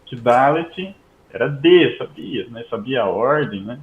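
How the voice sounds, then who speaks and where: A man's voice: mid-range voice, expressive, unhurried, echoey room, phone-quality sound, a little hiss or hum. A Brazilian man, a Hebrew teacher, chatting as a guest and ending almost every sentence with a questioning tag. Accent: Brazilian Portuguese. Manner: tags most sentences with "né?". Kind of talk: casual interview chat.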